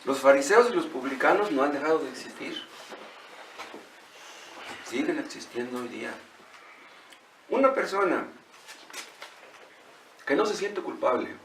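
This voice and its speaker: A male pastor with a Mexican Spanish accent delivers a conversational sermon in church, retelling dialogue and posing rhetorical questions. His voice sits high and sounds distant and echoey, with faint room hiss.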